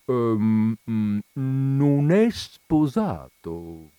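A man's voice: fairly high pitch, sing-song, unhurried, dark tone, dry recording. A man doing a haughty old colonel's widow. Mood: musing. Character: fussy indignant older widow, a colonel's wife.

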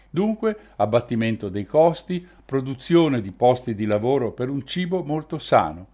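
A man giving calm, measured scripted narration, explaining an idea step by step. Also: mid-range voice.

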